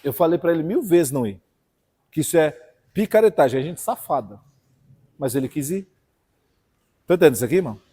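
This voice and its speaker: Brazilian São Paulo preacher, man, high tenor, swings hushed to loud, long church reverb. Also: lively intonation, brisk, pauses often, slightly rough. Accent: Brazilian Portuguese, São Paulo. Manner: fiery, swings from hushed to loud, keeps calling "irmão". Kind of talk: sermon. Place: church hall.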